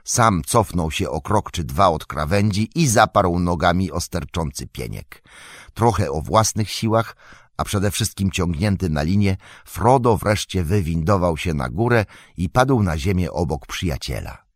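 Male audiobook narrator, low voice, dry close sound, measured and dramatic. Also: animated, dry recording. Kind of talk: scripted narration.

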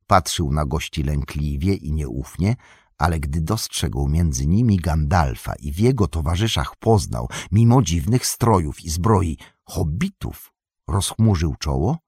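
Male audiobook narrator, measured storytelling, low and lively, dry close mic. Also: slightly rough, dry recording. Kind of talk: scripted narration.

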